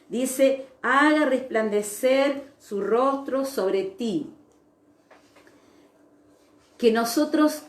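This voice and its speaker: A woman preaching a sermon at an online church service, speaking in a slow, reflective way with frequent hesitations. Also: medium pitch, warm tone, echoey room.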